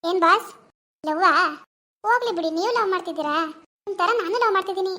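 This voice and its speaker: A woman's voice: extremely high pitch, fast, bright, forceful tone. Woman doing a jeering rowdy. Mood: mocking. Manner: jeering, laughing taunts. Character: mocking young village rowdy man, cocky then cowardly.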